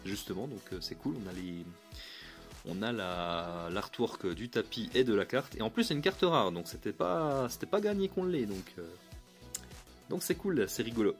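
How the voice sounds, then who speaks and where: A man's voice: on the low side, expressive, normal speed, soft background music. A man giving a casual, upbeat card review. He talks in a chatty way, often restarts mid-phrase and chuckles lightly.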